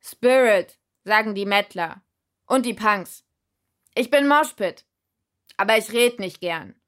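Big burly punk spirit, male, blunt and gruff, read by a woman in a storybook. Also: medium pitch, unhurried, natural voice. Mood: gruff, loud. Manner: blunt, shouts over loud music in short phrases.

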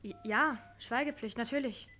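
A woman voicing a calm production staffer who talks in a quiet, soothing, steady way. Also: fairly high pitch, moderate pace.

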